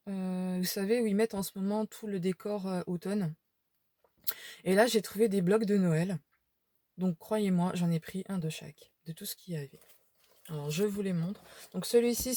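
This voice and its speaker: At home in a room by a window, a tired woman shows off a craft shopping haul, chatting casually with many fillers and restarts. Her voice is medium-pitched and dark, and the recording is dry.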